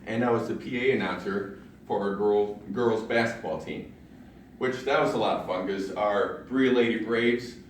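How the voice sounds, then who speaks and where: A young man from Ohio with a deep voice, giving a prepared personal speech with self-deprecating jokes at a public speaking club. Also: far from the mic, a little hiss or hum. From Ohio, USA. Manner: self-deprecating humor, storytelling with punchlines. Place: large meeting room in a library. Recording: very echoey room, recorded from afar.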